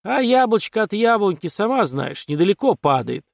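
A man voicing a gruff, gloomy older colonel and father in a storybook, speaking bluntly and grumbling. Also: sits high, very animated, moderate pace, dry recording, studio quality, voice pushed up, full character voice. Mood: scornful.

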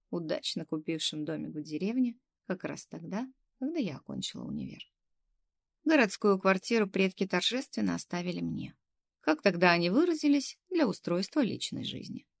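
A woman's voice: fairly low pitch, gravelly, no echo, studio quality. A woman reading a first-person story aloud in a wry, conversational manner. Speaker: narrator. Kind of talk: first-person audiobook narration.

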